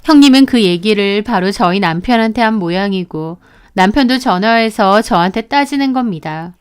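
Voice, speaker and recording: A woman's voice: medium pitch, lively intonation, moderate pace, smooth. A woman narrating her own family conflict story with emotional, indignant delivery, acting out her own angry replies.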